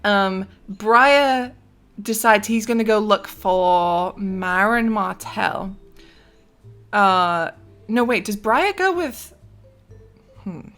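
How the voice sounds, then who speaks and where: A woman casually recapping a tabletop role-playing campaign, chatty and animated, with asides and sound effects. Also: medium pitch, very slow, long pauses, soft background music. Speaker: tabletop game player recapping a character.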